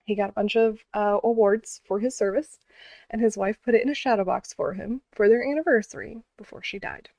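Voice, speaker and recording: A woman's voice: medium pitch, brisk, a little mellow, dry recording, dull audio. A woman vlogger telling a story in a casual, earnest way, with many fillers and restarts.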